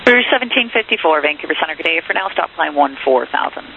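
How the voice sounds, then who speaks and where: Male air traffic controller, procedural instructions, slightly high voice, thin tinny radio link. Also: animated, fast, gravelly. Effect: aviation radio transmission. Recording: tinny hissing radio channel.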